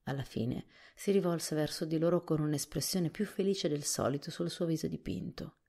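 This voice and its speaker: A woman narrating a storybook in a calm, hushed reading voice. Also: low voice, moderate pace, gravelly, slightly rough. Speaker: audiobook narrator.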